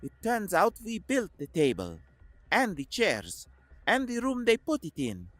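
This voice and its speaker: An earnest, academy-trained woman officer who talks in a measured, reflective way, as a male narrator puts her on. The pitch sits raised and moves in lively swings. The sound is dry and close. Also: no echo, heavily acted.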